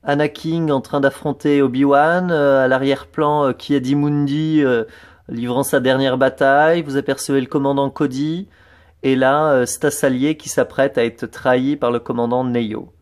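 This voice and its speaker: A man's voice: medium pitch, fairly even intonation, normal speed, clean tone. Hesitant French-speaking man touring his collection. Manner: hesitant, many fillers and restarts. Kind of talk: casual show-and-tell narration.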